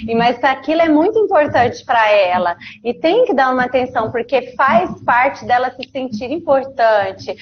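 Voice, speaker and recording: A Brazilian psychologist in her thirties chatting casually on a video call, slow and reassuring with many tag questions. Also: high-pitched, lively intonation. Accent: Brazilian Portuguese. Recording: lo-fi video call audio with background noise.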